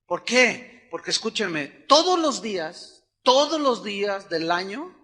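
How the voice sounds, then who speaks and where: Man, preacher; animated sermon delivery, acts out dialogues, very bright tone. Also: high voice, a little slow. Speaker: pastor.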